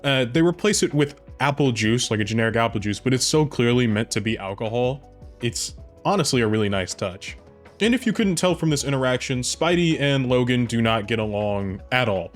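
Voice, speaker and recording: A man giving casual commentary as a video reviewer, talking in a chatty way with offhand asides. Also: medium pitch. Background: faint background music.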